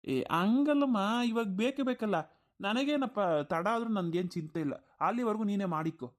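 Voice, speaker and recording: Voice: mid-range voice, fairly quick, lightly acted. A performer doing a whiny, lazy grown son. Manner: whiny, complaining. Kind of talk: cartoon voice acting.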